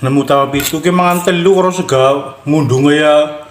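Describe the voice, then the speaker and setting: A man's voice: on the high side, a little fast. A man with a Banyumasan Javanese accent hosts a casual mukbang, talking as he eats meatball soup. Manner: eating bakso soup while talking. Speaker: mukbang video host. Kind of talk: casual eating-show chat. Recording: echoey room with clear background noise.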